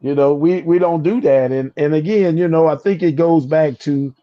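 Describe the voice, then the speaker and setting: A man's voice: a little high, moderate pace. A man co-hosting a casual talk show, speaking in a laid-back, slangy and emphatic way. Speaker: co-host. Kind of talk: casual chat. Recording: dull, slightly lo-fi sound.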